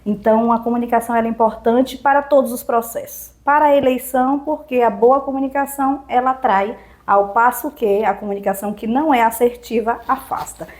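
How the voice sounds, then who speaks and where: A public speaking trainer with a Brazilian Portuguese accent gives didactic interview answers, listing points and posing rhetorical questions. Her voice is on the high side with a darkish, steady tone, and she talks a little fast with few pauses.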